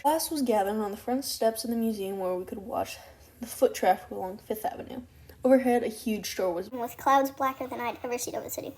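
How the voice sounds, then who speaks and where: A woman's voice: on the high side, darkish tone. A woman narrating a first-person audiobook, reading aloud with occasional stumbles and restarts.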